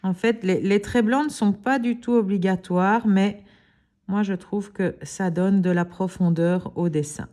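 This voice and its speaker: Une femme qui anime un tutoriel de nail art et explique calmement chaque étape, avec des hésitations naturelles. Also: female voice, mid-range voice, faint music behind. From Belgium. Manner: calm, unhurried, explains each step softly. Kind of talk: casual step-by-step demonstration.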